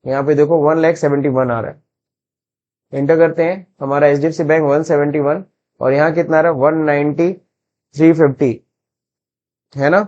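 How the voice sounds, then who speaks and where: A man with an Indian English accent teaching an accounting software lesson, switching between Hindi and English and asking and answering his own questions. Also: on the high side, fairly even intonation, normal speed, pauses often, dull audio. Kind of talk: screen-recorded classroom lesson.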